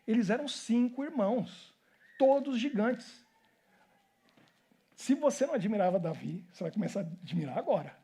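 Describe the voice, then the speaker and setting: Animated Brazilian pastor preaching, dark voice. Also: male voice, high-pitched, normal speed, pauses often, husky. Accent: Brazilian Portuguese. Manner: animated storytelling, acting out the characters' lines. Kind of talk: sermon.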